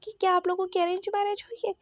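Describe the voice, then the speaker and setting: Woman doing badgering reporters; fast, insistent questions. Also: very high-pitched, little pitch movement, no room sound. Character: pushy news reporters firing questions.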